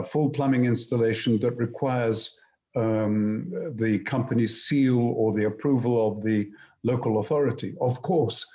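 A man being interviewed, telling anecdotes in a deliberate, articulate and emphatic conversational way. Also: medium pitch, warm tone. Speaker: interview guest, poet and screenwriter. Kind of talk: reflective conversational storytelling. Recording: slightly dull, roomy sound.

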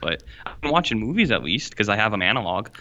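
A man's voice: on the low side, very animated, quick pace, lo-fi sound, heavy background noise. A man chatting casually as a podcast co-host, joking and slangy, sounding like he's inside a fishbowl in a borrowed room. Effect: boxy fishbowl-like room sound.

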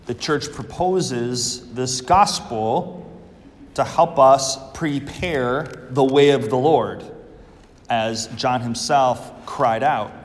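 A man speaking as a priest at church, solemn and measured with deliberate pauses, his voice in a long cathedral echo. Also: medium pitch. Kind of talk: Gospel reading and homily. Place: large church, indoors. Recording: echoey church with long reverb.

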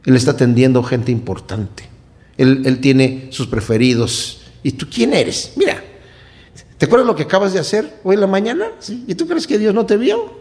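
A man's voice: a little high, lively intonation, moderate pace, a little mellow, long reverb tail, lightly acted. A man voicing a sneering male devil who taunts a believer with mocking, accusing questions. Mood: taunting.

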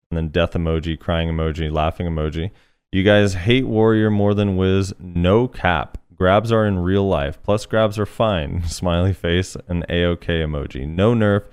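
A man's voice: sits low, a little mellow, clean tone. A man hosting a casual podcast, reading listener comments aloud in a laid-back way with plenty of fillers. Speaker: podcast host.

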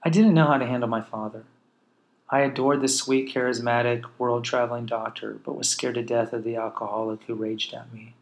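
A brisk, mid-range male voice with fairly even intonation belongs to a podcast host in his forties. He delivers a personal storytelling monologue, candid about his life and wryly self-deprecating.

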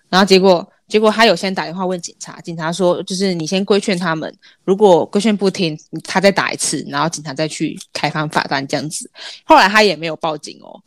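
A woman's voice: fairly low pitch, no room sound. A young woman with a Taiwanese accent chats casually as a podcast co-host, telling anecdotes and acting out the dialogue. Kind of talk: casual chat, storytelling.

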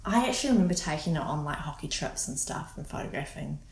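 A woman with a New Zealand accent, talking casually in an interview, relaxed and hesitant with many ums and restarts. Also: low voice, fast talker, reverberant, low-quality recording. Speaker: guest photographer.

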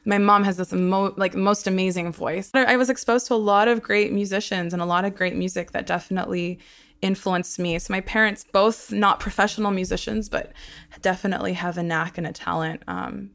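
In a relaxed interview, a young podcast host from Australia talks about her life and laughs often. She has a medium-pitched, fairly bright voice, keeps a steady tone, and talks fairly quickly.

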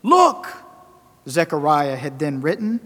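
A man preaching a sermon, emphatic and rhetorical, repeating phrases for effect and swinging between loud and soft. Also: high-pitched, expressive, measured pace. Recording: long reverberant hall.

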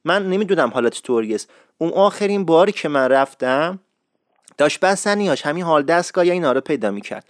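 A man's voice: on the high side, expressive, no echo, studio quality. Chatty man. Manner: enthusiastic, chatty, repeats key points. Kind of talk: casual recommendation talk.

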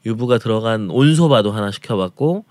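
Lively-voiced man recounting a food trip. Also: fairly low pitch, fairly quick, dry recording. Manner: detailed, descriptive storytelling about restaurants. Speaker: food travel segment presenter. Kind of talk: casual radio talk show chat.

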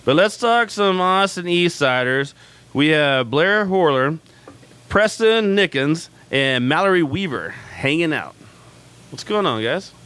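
A man hosts a live radio show from a pub in a bright, forceful voice with a crisp, resonant tone. He talks casually and pokes fun at himself, with lots of "uh"s. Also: high voice, lively intonation, unhurried. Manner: chatty, self-mocking, frequent fillers.

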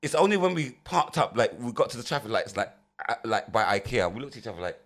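A man's voice: medium pitch, very animated, fast talker, fairly bright tone. A man with a London urban roadman accent, chatting casually on a podcast in street slang and repeating himself for emphasis. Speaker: podcast co-host. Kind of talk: casual chat.

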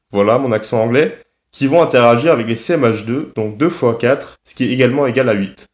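A young man presenting a weekly study update for a student podcast, explaining course points in a steady, measured way. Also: medium pitch, reverberant, dull audio. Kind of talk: casual scripted podcast segment.

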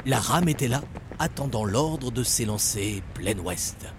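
A man's voice: mid-range voice, expressive, measured pace, background noise. A man narrating a children's adventure story expressively. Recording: story narration over loud music.

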